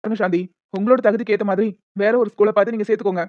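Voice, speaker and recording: A man does cartoon voice acting as a strict, dismissive school principal, sounding stern and dismissive. His voice is high with a steady tone and rapid-fire delivery, fairly close to an everyday voice. The recording is dry, dull and lo-fi.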